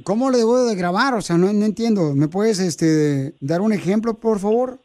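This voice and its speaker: A radio host with an unusually high-pitched voice, teasing and joking on air. He talks in an animated, playful way. He is close on a studio microphone. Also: normal speed. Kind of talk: playful radio prank banter.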